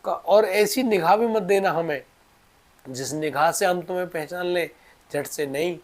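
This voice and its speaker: A man's voice: high-pitched, normal speed, pitched above the performer's own voice, close to an everyday voice. A man voicing a stubborn, devoted old male ascetic who scolds in rustic speech. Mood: tearful devotion.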